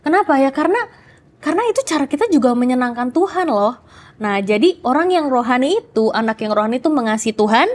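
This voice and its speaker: An adult woman hosting a kids' program, answering children's questions in a lively, coaxing way and often checking in with "oke?". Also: a little high. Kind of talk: casual talk to children.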